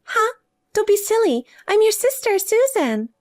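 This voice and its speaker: A woman's voice: extremely high pitch, animated, moderate pace. A woman voicing a desperate adult older sister who whines and pleads for help. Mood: indignant. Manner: whiny and pleading.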